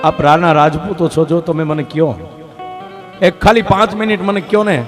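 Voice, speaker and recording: A man voicing a poor, humble wandering man who pleads softly and devotedly, with guitar music behind. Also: on the high side, normal speed, lightly acted. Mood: pleading.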